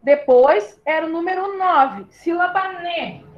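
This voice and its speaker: In a muffled recording, a woman with an extremely high, animated voice teaches young children syllables in an online class. She is a primary school teacher from southern Brazil who patiently spells syllables out slowly and calls her pupils "my love."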